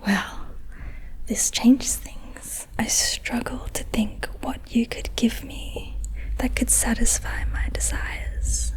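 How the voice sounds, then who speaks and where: A woman with a higher-pitched voice, on a rough recording, whispers her way through a role-play as a proud, mischievous leprechaun who collects trinkets and treasures. She is playful and haughty like a storybook character, using quaint phrases and slowly lingering on repeated words.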